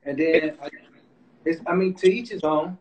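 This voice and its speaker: A man's voice: on the high side, normal speed, noisy background. A man in his twenties, a guest in a casual interview, talking in a laid-back, plainspoken way and cursing freely. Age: 20s. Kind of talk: casual conversation.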